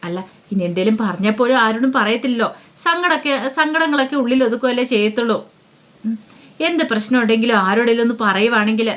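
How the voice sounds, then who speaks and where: A woman's voice: on the high side, fast talker, fairly bright tone, close to an everyday voice. A woman voicing a curious, caring young girl in a spoken serial story, asking question after question in a raised voice. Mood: coaxing.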